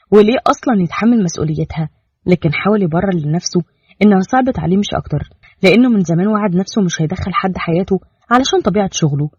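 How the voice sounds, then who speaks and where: A man with an Egyptian Arabic accent narrating a scripted story in a rapid, flowing telling. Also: sits high, slightly rough, dry recording. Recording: dull lo-fi dry recording.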